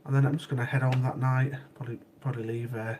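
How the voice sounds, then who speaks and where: Sniffly from a cold, this livestream host talks casually with his live chat viewers, laughing readily and often repeating himself. He speaks fast in a medium-pitched, darkish, level voice. Slight background noise is present.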